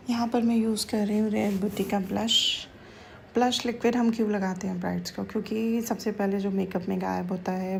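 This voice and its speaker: A woman's voice: mid-range voice, gravelly, a little mellow, slight background noise. A woman makeup artist explaining a bridal makeup look step by step, switching between Hindi and phrases. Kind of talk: voice-over makeup tutorial.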